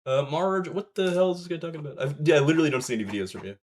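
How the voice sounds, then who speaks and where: A man hosting a casual gaming livestream in hyped gamer-bro talk full of swearing and slang, with a slightly husky voice. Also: a little high, big pitch swings, racing. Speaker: live streamer hosting a game stream.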